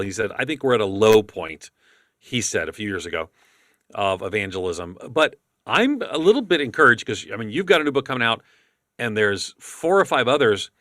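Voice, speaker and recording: A man hosting a podcast in casual chat, talking quickly and rambling with many restarts. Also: mid-range voice, pushed and bright, no echo, clean studio sound. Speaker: podcast host.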